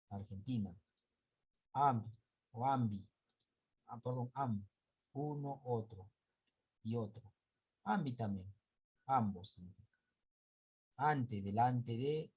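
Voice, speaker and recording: A man teaching an online class, lecturing slowly and haltingly, often stopping to correct himself. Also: mid-range voice, warm tone, slightly rough.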